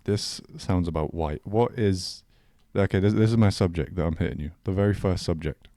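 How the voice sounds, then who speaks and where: Recorded dry with studio quality, a low-pitched, warm-toned podcast co-host chats casually at a moderate pace. His talk is slangy and full of laughter and stumbling restarts.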